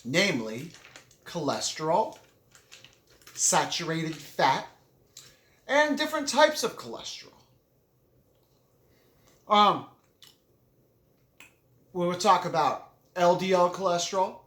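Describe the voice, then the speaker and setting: A man's voice: high-pitched, big pitch swings, slow pace, long pauses, fairly bright tone. A man casually vlogging while he eats, talking with his mouth full in a rambling, enthusiastic way and often correcting himself. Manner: talks with his mouth full, chewing between phrases. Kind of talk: casual vlog talk while eating. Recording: echoey room.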